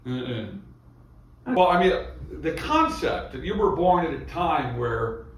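A man's voice: on the high side, sing-song, slow pace, vocal fry. A man coaching a stand-up student, explaining and joking along encouragingly. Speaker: comedy teacher. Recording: echoey room from far off.

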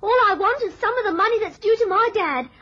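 A woman's voice: extremely high pitch, animated, fast talker, sharp tone, heavily acted. An actress playing a determined young working-class girl in a vintage radio drama. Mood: defiant. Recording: dull lo-fi old radio recording.

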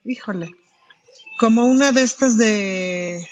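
A woman's voice: mid-range voice, takes it slowly. A Mexican woman on a talk panel, joking and teasing the others. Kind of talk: comic panel banter.

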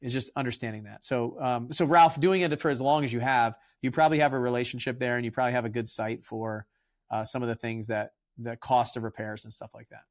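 A man hosting a podcast, talking in a relaxed, rambling way and acting out his conversations with tradesmen. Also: medium pitch, fast. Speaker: podcast host. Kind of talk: casual interview chat.

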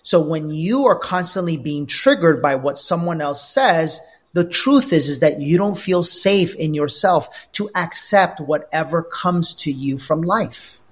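A man, a life coach, talking through personal stories in an animated, conversational way during an interview, often repeating words as he goes. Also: fairly high pitch, measured pace, slightly rough. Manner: animated, repeats words while telling anecdotes.

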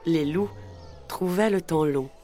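Female storyteller: low, slow, gentle children's narration over music. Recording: music playing underneath.

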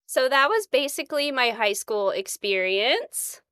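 A woman's voice: high voice, big pitch swings, measured pace, a bit bright, clean tone, no room sound. A young woman co-hosting a podcast, telling school stories in a chatty way and often laughing as she talks. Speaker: podcast co-host. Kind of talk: casual chat, storytelling.

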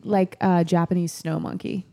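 A woman with a slightly low voice chats casually as a comedy podcast co-host. She talks in a giggly, loose stoner manner and swears freely. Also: level tone, normal speed, creaky, warm tone.

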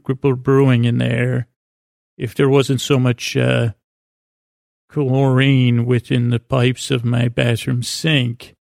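Hosting a sleep podcast, a man meanders through a bedtime monologue full of hesitant pauses and false starts. His creaky, gravelly voice sits at medium pitch with a darkish tone, captured in clean studio sound without any room ambience.

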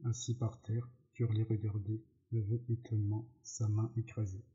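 A man reading a novel aloud, slowly, with slips and self-corrections, in a dull lo-fi recording. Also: fairly low pitch, flat delivery, warm tone. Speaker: audiobook narrator.

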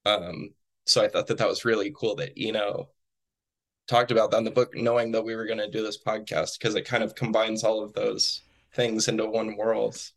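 A comedian and filmmaker joins a podcast as a guest over a remote call recording, rambling through a casual interview chat with lots of fillers and frequent laughs. His voice is fairly low, creaky, and a bit bright, with little pitch movement and a moderate pace.

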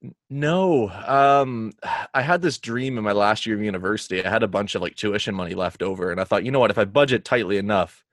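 A man's voice: on the low side, fairly quick, no room sound, studio quality. A young man, chatting as a guest with lots of ums and uhs. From Canada. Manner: hesitant, many fillers. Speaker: guest podcaster. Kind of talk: casual interview chat.

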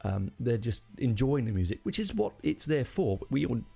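A man's voice: mid-range voice, big pitch swings, moderate pace, vocal fry, warm tone, breathy edge, soft background music. A middle-aged man hosting a podcast, talking alone in a rambling, opinionated way and often correcting himself mid-sentence. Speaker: podcast host. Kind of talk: casual solo monologue.

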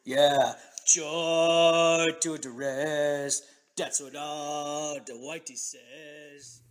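A man's voice: fairly high pitch, little pitch movement, extremely slow. A man putting on a slurred, drunk voice to sing a mocking song in an online clip.

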